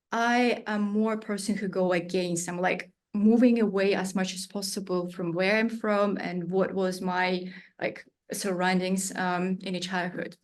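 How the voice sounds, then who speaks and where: A studio founder in her thirties, a native Russian speaker, answers interview questions as a guest in a mid-range voice. Her phrasing is searching, with frequent fillers and non-native grammar.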